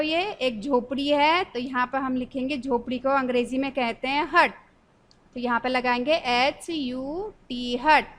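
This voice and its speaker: A woman's voice: high-pitched, a bit bright. A woman teacher leading a spelling lesson for young children, spelling each word out letter by letter and asking the class questions. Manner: slow, spells words letter by letter.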